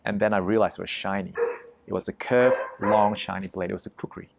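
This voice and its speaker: A low-pitched man with a gravelly edge tells a story as a podcast guest. He is emphatic and vivid, swearing freely as he goes. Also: fairly even intonation, a little fast, heavy background noise. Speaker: interview guest.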